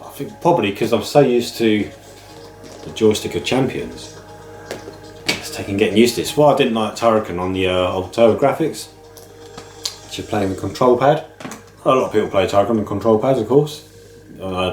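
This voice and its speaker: A man's voice: on the low side, moderate pace, long pauses. A middle-aged British man with a slightly nasal, bunged-up voice from man flu, chatting casually and ramblingly as the host of a video channel. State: man flu, a head cold. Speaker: host of a video game pick-ups channel. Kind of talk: casual chat to camera. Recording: roomy echo, music underneath. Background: music.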